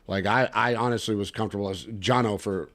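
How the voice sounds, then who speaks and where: A man hosting a casual sports podcast, animated and ranting with quick asides. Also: fairly low pitch. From Texas. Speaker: podcast host.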